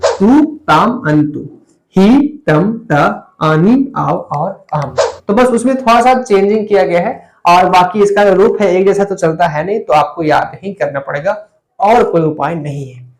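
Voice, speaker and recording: A man's voice: high voice, a little slow, slight background noise. A man teaching Sanskrit grammar in an online lesson, explaining step by step and repeating key words back to students as questions.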